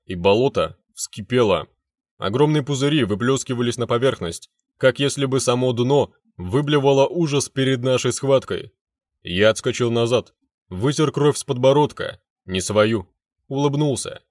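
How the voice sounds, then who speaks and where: A man's voice: mid-range voice, moderate pace, a little mellow, dry recording, studio quality. A man reading a first-person fantasy story aloud with intense, dramatic delivery. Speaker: narrator.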